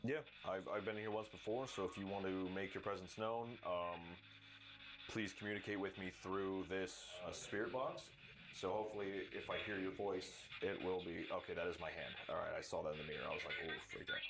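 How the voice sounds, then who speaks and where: A man alone in a room on a ghost hunt, asking spirits halting, hesitant questions. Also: low-pitched, steady tone, poor audio. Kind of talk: casual paranormal investigation vlog. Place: indoors in an old inn room. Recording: loud spirit box radio static behind.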